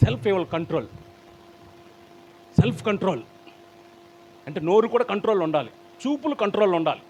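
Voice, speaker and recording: Man, pastor, Telugu accent, sermon, rather high voice, swinging pitch, faint background hiss. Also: brisk. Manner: animated, dramatic, acts out quoted people. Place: church hall, live stream.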